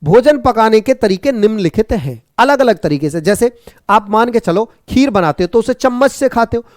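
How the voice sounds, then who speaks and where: A man teaching an online exam-prep class, brisk and repetitive, teasing and jokingly scolding his students. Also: high-pitched, animated, dry recording, clean studio sound.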